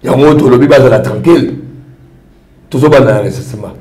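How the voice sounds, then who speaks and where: A Congolese party leader answers interview questions in an echoey room, switching between French and Lingala. His voice is medium-pitched and a little mellow, he speaks a little fast, and his answers ramble and repeat themselves.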